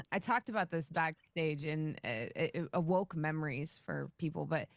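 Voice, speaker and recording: Low-voiced woman game master, dry sound. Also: a little slow, vocal fry, no room sound. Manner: chatty, rambling, laughs often. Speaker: game master and show creator. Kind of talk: casual livestream Q&A chat.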